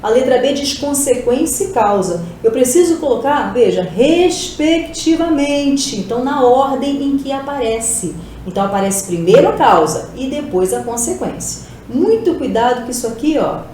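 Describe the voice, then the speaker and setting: A woman from Brazil teaches an exam-prep lesson with a high, lively voice that rises and falls a lot. Her tone is mellow and a little dark. She asks herself questions and answers them, and a strong room echo rings around every word over a faint hiss. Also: normal speed, hardly any pauses. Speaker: Portuguese teacher.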